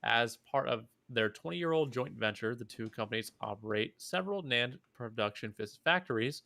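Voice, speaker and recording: A man's voice: mid-range voice, lively intonation, normal speed, vocal fry, pushed and bright, no room sound. A young man co-hosting a casual tech podcast, reading an article aloud and tripping over names and words as he goes. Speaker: podcast co-host.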